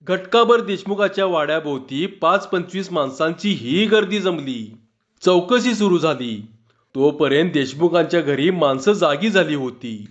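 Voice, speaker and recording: A man reading a humorous short story aloud in a slow, measured storytelling manner. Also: a little high, expressive. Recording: dull lo-fi recording.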